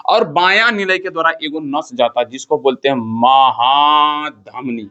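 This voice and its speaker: Male teacher, slightly high voice, call-and-response classroom lecture, muffled lo-fi recording. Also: animated, a little fast, sharp tone. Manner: quizzes the class with call-and-response questions, repeating key terms. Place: classroom with students.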